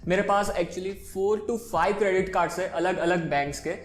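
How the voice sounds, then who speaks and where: Here a man in his twenties, Indian-accented, speaks slowly in a high pitch while hosting a finance show. His explainer is informal and aimed straight at viewers, code-switching between Hindi and English, with roomy echo and faint music in the background.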